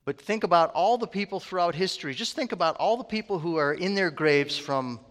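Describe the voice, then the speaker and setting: A man's voice: sits high, expressive, a little fast, fairly bright tone, in a large hall. A man preaching a conversational sermon, often asking his congregation questions.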